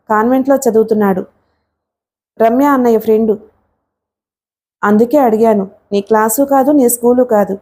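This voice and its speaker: A woman's voice: fairly high pitch, dark tone, close to an everyday voice. A woman reading a teasing teenage schoolgirl. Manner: playful, teasing. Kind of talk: audiobook character reading.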